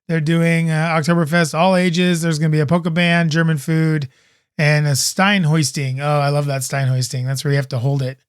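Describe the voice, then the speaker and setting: A man's voice: fairly high pitch, level tone, normal speed, clear, resonant tone, dry recording, studio quality. A man hosting a casual podcast, talking in an upbeat, rambling way with lots of asides. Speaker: podcast host. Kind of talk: casual chat.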